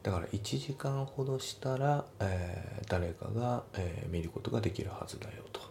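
A man with a lowish, expressive, slightly mellow voice and some vocal fry teaches English, patiently reviewing test answers and slowly repeating pronunciations. He often slips into whispery asides, and there's slight background noise.

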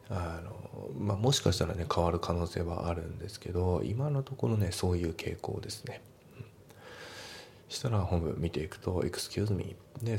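A man explains English grammar and pronunciation like a teacher in a relaxed, chatty way, full of fillers. His voice sits very low with a gravelly edge. A faint hiss of noise runs under the recording.

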